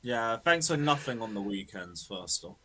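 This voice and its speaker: A man's voice: lowish voice, lively intonation, normal speed, a bit bright, husky. A British man hosting a football fan show with casual, sweary, slangy banter.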